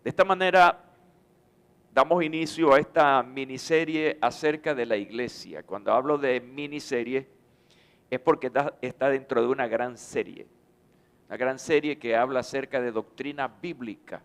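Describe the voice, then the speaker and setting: A man's voice: mid-range voice, clean tone. A male pastor giving a Sunday sermon, calling on the congregation to respond. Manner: slow, deliberate preaching with call-and-response to the congregation. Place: church sanctuary.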